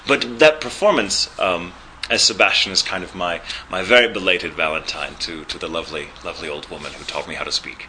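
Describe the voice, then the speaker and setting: In a low-quality recording with slight background noise, a Texas-born voice actor and ADR director reflects on his experiences in an interview. His low, sharp voice has a neutral American accent with a faint proper British lilt, and he's articulate and measured despite frequent "uh" fillers and small restarts.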